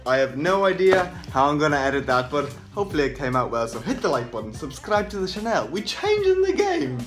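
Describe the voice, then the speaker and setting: A fitness vlogger in his twenties with an Irish accent films a food challenge at arm's length in a parked car, exclaiming and laughing between bites. His voice is a little high, with big pitch swings and a slightly fast pace. Music plays behind this casual food vlog, which also moves to a kitchen at home.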